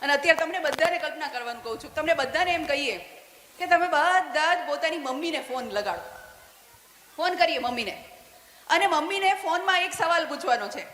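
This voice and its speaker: Female motivational speaker, high voice, questions the audience, roomy echo. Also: lively intonation, fairly quick, fairly bright tone, slight background noise. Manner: asks the audience questions, then answers. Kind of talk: talk to an audience. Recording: echoey hall with long reverb.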